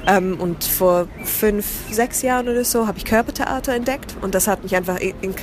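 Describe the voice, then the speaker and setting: A German woman from southern Germany, a theatre company founder, is a guest in a casual interview. Her medium-pitched voice moves at a normal speed over background noise as she searches for words, restarts often and slips into English.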